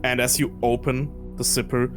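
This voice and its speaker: A man's voice: medium pitch, level tone, normal speed. A man narrating a tabletop game as game master, loose and profane. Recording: music bed underneath.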